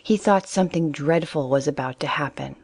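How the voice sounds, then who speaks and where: A woman narrating a children's storybook in a calm, steady reading voice. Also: lowish voice, moderate pace, no echo.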